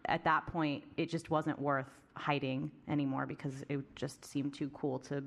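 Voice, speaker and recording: A woman co-hosting a podcast at a live audience Q&A, chatty and quick to laugh. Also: low voice, little pitch movement. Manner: chatty, giggly, many fillers. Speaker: podcast co-host.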